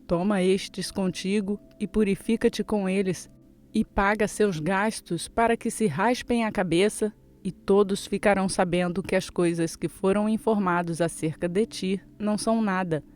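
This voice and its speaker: A reader giving a measured, steady reading of scripture, as in a daily Bible reading plan. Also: medium pitch.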